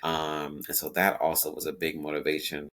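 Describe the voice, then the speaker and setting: A man's voice: rumbling low, completely flat delivery, moderate pace, a bit bright, poor audio. A man in his forties, a podcast guest, talking reflectively in casual interview chat with many fillers. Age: 40s.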